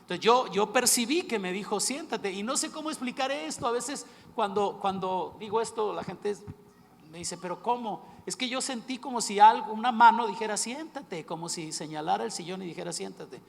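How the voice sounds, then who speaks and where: A middle-aged man preaching a sermon, telling a personal story that shifts from hushed retelling to loud, emphatic bursts. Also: sits high, a little fast, creaky, slight background noise. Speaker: pastor. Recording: echoey hall with faint ambience.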